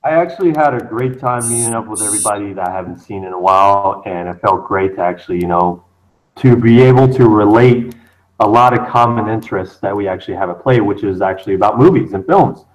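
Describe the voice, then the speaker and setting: A man's voice: lowish voice, fairly quick, poor audio. A man, a cast member, answering questions in a casual online Q&A, rambling with many fillers.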